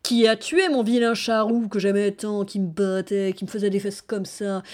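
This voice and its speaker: Storybook rag doll, female, foul-mouthed and bitter, loud and shouting, put on by a woman narrator. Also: medium pitch, fairly even intonation, normal speed, lightly acted. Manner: shouting curses.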